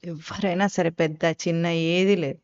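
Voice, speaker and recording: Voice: mid-range voice, fairly even intonation, normal speed, clean tone. A spiritual teacher giving a live scripture discourse. The teacher poses rhetorical questions, answers them, and explains Sanskrit terms. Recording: dull lo-fi recording.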